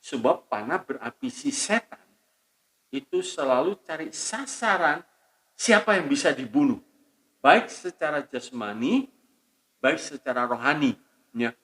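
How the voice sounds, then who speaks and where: A man preaching a sermon as pastor, emphatic, dropping to soft asides and swelling loud on key lines, calling out hallelujah to his congregation. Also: on the high side, lively intonation, unhurried, pauses often, rough recording. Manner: addresses the congregation as saudaraku and calls out hallelujah.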